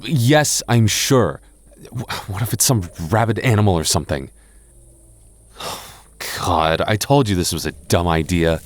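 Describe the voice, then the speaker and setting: This deep-voiced young man takes a measured pace in a recording with no echo, voicing a jumpy, anxious goth boyfriend who still looks out for his partner in an audio drama roleplay. His lines come out halting, stammered and sigh-filled, and he sounds startled.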